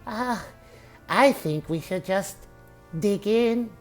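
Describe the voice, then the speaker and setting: A woman's voice: medium pitch, animated, slow, a little mellow, soft background music. A woman playing a gushing shark wife. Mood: eager. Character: doting glamorous female shark wife. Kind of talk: comedy sketch acting.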